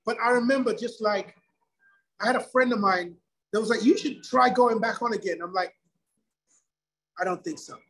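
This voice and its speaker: Man telling his story with a husky voice. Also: extremely high pitch, brisk, rough recording. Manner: animated storyteller, acts out quoted dialogue. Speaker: guest. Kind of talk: casual interview storytelling.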